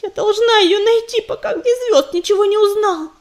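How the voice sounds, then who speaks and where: A woman voicing a young female warrior cat who is impulsive and quick to snap. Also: extremely high pitch, voice pushed up. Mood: agitated.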